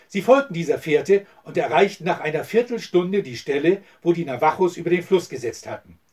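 Male audiobook narrator reading a western, husky, slightly high voice. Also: a little mellow. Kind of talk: scripted narration. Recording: distant mic.

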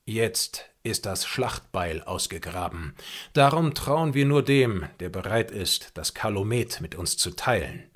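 A man's voice: fairly low pitch, animated, unhurried, a bit bright. A man voicing a bold, commanding frontier hunter in an audiobook, speaking firmly and decisively. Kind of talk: audiobook character reading.

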